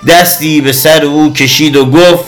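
A man narrating a children's story with a lively, expressive reading. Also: on the high side. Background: soft music.

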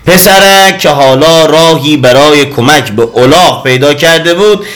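A man narrating a children's story with a lively, expressive reading. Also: a little high. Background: soft music.

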